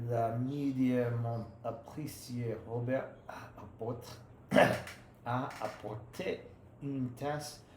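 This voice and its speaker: A man reading aloud as practice, hesitant and halting, stopping often to correct himself. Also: medium pitch, a little mellow. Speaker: language learner reading aloud. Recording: roomy room with faint background noise.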